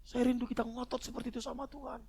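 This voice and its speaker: A man preaching a sermon to his congregation, moving between quiet, low asides and loud, fervent shouting. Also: level tone, fast talker, gravelly, slight background noise. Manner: addresses the congregation as "saudara". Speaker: pastor. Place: church service.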